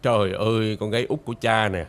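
An actor playing an affectionate husband and father with a Southern Vietnamese accent, gentle in tone. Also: lowish voice, fairly even intonation, fast talker, close to an everyday voice. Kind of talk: TV drama acting.

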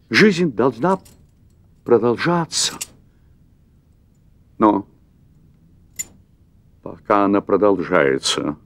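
A man's voice: lowish voice, a bit bright, dry recording, heavily acted. An actor in his fifties playing a nervous middle-aged restaurant owner who confesses at length, hesitating and repeating words, in a stage play recorded for television. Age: 50s. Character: anxious middle-aged man, restaurant owner craving adventure. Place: theatre stage set as hotel room.

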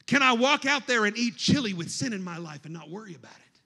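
A man preaching a sermon in a church, moving between hushed scripture reading and shouted exhortation. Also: sits high, expressive, fast, husky.

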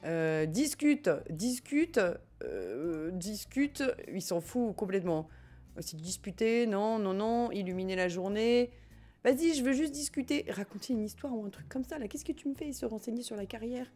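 A woman with a French accent and a mid-range, dark-toned voice chats casually at a moderate pace with lively intonation. She's streaming a life-sim game, reading chat, joking and often laughing.

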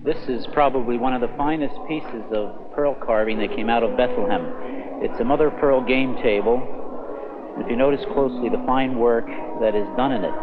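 A man showing an exhibit in an exhibition hall, talking casually with some fillers into a handheld mic. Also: medium pitch. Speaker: museum guide. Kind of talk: explaining an exhibit. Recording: noisy, dull old film sound.

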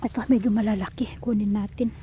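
A woman's voice: mid-range voice, steady tone, quick pace, warm tone, slight background noise. A woman chatting to her viewers in a casual vlog while walking outdoors and gathering vegetables. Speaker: vlogger. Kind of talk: casual cooking and garden vlog.

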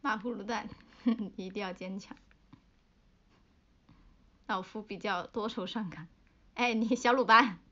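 A young woman in her twenties chatting playfully with fans on a livestream, giggling as she tells a joke haltingly. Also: medium pitch, pushed and bright. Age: 20s. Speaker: livestream host. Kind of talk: casual livestream chat with fans. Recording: dull lo-fi livestream audio.

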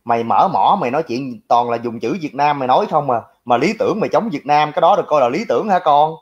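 Husky and animated, a young male livestream commentator talks at a quick pace in a mid-range voice with a Southern Vietnamese accent. He rants at viewer comments, mocking critics brashly and crudely, over lo-fi, dull audio.

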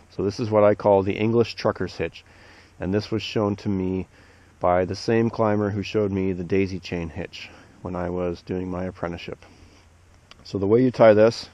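Filmed on a head-mounted action camera, a man who teaches arboriculture ties a knot in the snow, calmly talking through each step. His pitch is fairly low, his explanations steady and plain, and the camera audio comes across dull and lo-fi.

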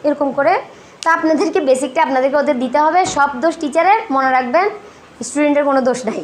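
Woman w/ training teachers, pretty high voice, firm and instructive, faint noise behind. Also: fast. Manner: instructive, firm, asks rhetorical questions.

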